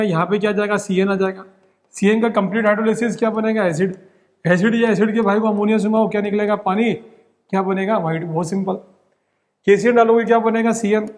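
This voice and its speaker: A young man with a high voice, runs through exam-prep chemistry rapidly and keeps checking in with his students. His voice carries a long reverb, as if lecturing in a large hall. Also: a little mellow. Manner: rapid, drilling, repeats "ठीक" and "बहुत simple". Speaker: chemistry teacher.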